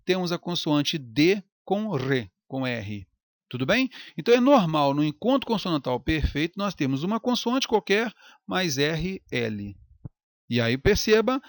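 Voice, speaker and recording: Lively teacher drawing out words. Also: male voice, a little high, no echo, studio quality. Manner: lively, stretches out example words slowly. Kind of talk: recorded grammar lecture.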